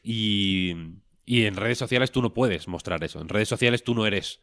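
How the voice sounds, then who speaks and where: A man's voice: lowish voice, normal speed, a bit bright, no echo. A man, co-hosting a podcast in casual chat, rambling and joking with a lot of swearing. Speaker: podcast co-host.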